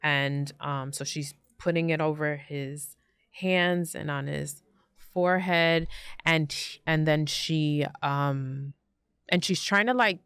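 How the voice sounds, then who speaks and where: A woman co-hosting a podcast, calmly adding to a story in a casual chat. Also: low voice, slow, smooth, no echo. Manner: calm, chimes in with short agreements. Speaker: podcast co-host.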